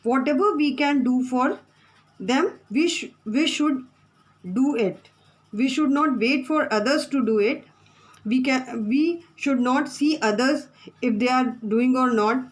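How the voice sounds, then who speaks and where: A woman's voice: sits high, unhurried, poor audio. A woman teacher, giving a classroom lesson from the textbook, repeating her points and spelling out words.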